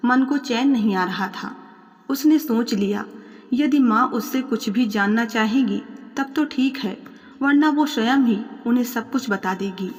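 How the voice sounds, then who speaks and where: A woman storyteller reading a moral family story in a calm, measured, expressive narration. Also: a little high, big-room sound.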